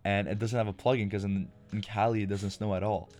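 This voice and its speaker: A man's voice: on the low side, little pitch movement, quick pace, darkish tone, faint music behind. A young man co-hosting a podcast, chatting casually in a crude, slangy way and acting out quoted people. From Albania. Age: young adult. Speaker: podcast co-host. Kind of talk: casual chat.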